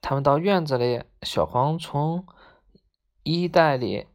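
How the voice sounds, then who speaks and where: A woman narrating a children's story in a gentle, measured way. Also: low-pitched.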